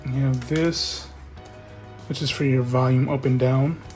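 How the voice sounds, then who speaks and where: A man casually talking through an unboxing in a relaxed, halting way, hosting his own tech video. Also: medium pitch. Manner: relaxed, halting, with fillers and restarts. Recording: music playing behind.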